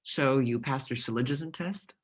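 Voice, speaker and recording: A woman's voice: very deep voice, normal speed. A young woman reading the part of a flustered, stammering, indecisive young man in a live play reading. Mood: amused. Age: young adult.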